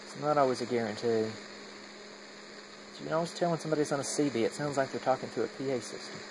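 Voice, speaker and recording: An amateur radio hobbyist casually demonstrates his equipment, speaking in a mid-range voice at a quick pace. His talk is unscripted and rambling, often hesitating and trailing off mid-thought. The background is noisy.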